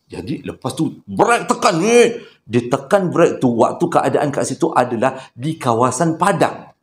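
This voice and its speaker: A man's voice: mid-range voice, big pitch swings, unhurried. A man with a Malaysian Malay accent telling a horror story in a chatty way, acting out the characters. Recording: roomy echo.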